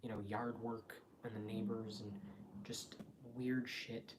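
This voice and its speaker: A man talking casually and quietly on a late-night livestream from home, in a hesitant, rambling, reflective way. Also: fairly low pitch, level tone, slow pace, noisy background. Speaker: live streamer. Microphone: phone.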